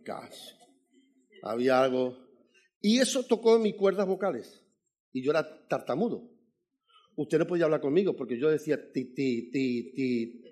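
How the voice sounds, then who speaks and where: Guest preacher, male, fairly high voice, animated testimony-style sermon to a church crowd. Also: moderate pace, pauses often, husky. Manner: animated storyteller, calls out "amen" to the congregation.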